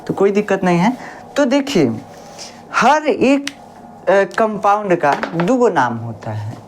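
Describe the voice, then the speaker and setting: A woman's voice: medium pitch, a little mellow, a little hiss or hum. A woman science teacher, explaining a lesson in a chatty, homely way. She keeps asking questions, answering them herself and repeating the key words. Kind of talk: classroom-style lesson.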